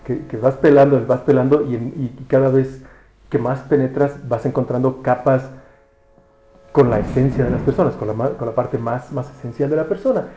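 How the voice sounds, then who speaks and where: Preacher with a mellow, echoey voice. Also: male voice, medium pitch, normal speed. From Mexico. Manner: conversational, restarts words, asks rhetorical questions. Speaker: pastor. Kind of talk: sermon.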